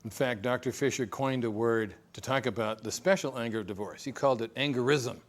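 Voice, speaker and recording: A man's voice: medium pitch, a little fast. A middle-aged man presenting a divorce recovery seminar in a conversational way, with joking asides and acted-out examples. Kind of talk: recorded seminar talk.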